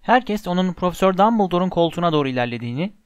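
A man narrating a storybook in an even, measured way. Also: high-pitched, dry recording, clean studio sound. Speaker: audiobook narrator.

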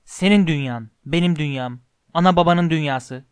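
A man reading an audiobook voices a huge, hot-tempered but kind giant gamekeeper who booms and roars indignantly. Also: normal speed, clear, resonant tone, no echo, lightly acted. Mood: insistent. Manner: booming and indignant. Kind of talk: audiobook character voice.

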